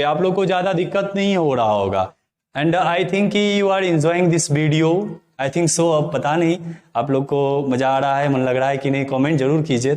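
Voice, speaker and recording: Male grammar teacher for a classroom lesson, slightly high voice, slow repetitive explanations with frequent checks. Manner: explains slowly and repeats key terms, often checking with "है ना?"; asks the viewers to comment. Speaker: English teacher.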